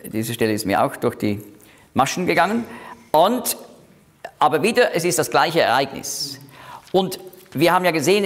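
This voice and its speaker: A man leading a Bible study, explaining verses slowly and deliberately, with frequent hesitations. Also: fairly high pitch.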